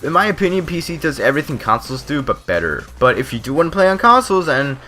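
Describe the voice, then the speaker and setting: Bright-voiced man, lip numb from the dentist. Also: fairly high pitch, sing-song, fast, soft background music. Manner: rambling, informal, stumbling over words. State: lip numb from dentist's Novocaine, speech slightly off. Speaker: gaming video creator giving opinions. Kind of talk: casual unscripted commentary.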